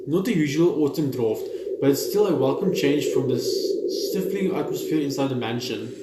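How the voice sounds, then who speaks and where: In a very noisy recording, a man with a mid-range voice and lively intonation reads a visual novel aloud at normal speed for a let's play. Occasional stumbles and rereads mix with his asides. Video game music plays in an echoey room.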